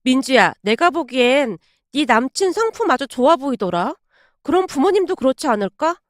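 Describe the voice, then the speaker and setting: A woman's voice: high-pitched, sing-song, normal speed, no echo, clean studio sound. A woman playing a frank, loyal young friend. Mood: firm. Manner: firm, scolding.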